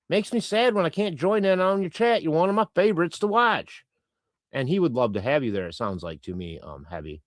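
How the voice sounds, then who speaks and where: This man, whose first language is Croatian, chats casually on a livestream, reading viewer messages aloud and rambling with frequent fillers and restarts. His pitch is fairly high. The studio-quality audio has no echo.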